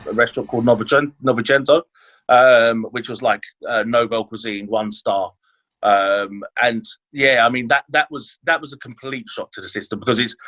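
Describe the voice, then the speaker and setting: A chef, originally from Leeds but raised in London, talks loosely about his career during a podcast interview, restarting often and leaning on fillers. His mid-range voice sounds pushed and bright, captured in a low-quality recording.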